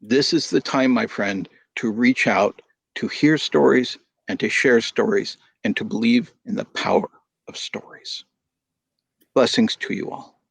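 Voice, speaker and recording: A man telling a folk tale in an animated, theatrical way over a video call. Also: medium pitch, unhurried, gravelly, slightly rough, no echo. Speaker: storyteller. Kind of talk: storytelling performance.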